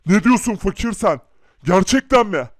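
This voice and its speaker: A man voicing a calm, caring rich young man who speaks in a gentle, reassuring way. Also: sits high, normal speed, no echo, clean studio sound. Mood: concerned. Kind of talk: hobby animation voice acting.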